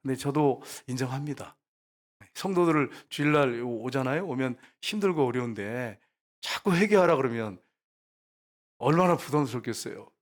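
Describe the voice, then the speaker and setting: A man's voice: medium pitch, lively intonation, normal speed. A man preaching a sermon as pastor, putting rhetorical questions to the congregation.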